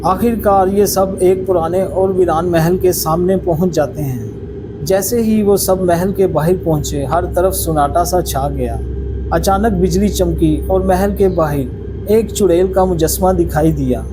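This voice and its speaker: Speaking slowly in a high voice, a male storyteller reads a scripted tale with measured, dramatic delivery. Background music sits clearly under his voice, along with some background noise.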